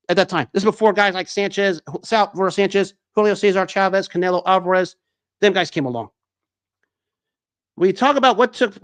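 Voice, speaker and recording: A man's voice: high-pitched, a bit bright. A man hosting a sports talk show, delivering an enthusiastic commentary monologue with frequent restarts and fillers.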